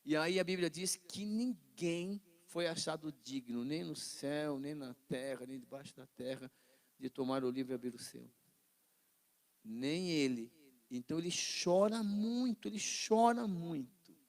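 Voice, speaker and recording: A middle-aged man with a Brazilian Portuguese accent teaching an informal Bible class, telling the stories with lively acted-out voices and often checking in with his listeners. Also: medium pitch, a little slow. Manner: animated storytelling, acts out quoted voices, asks listeners "né?".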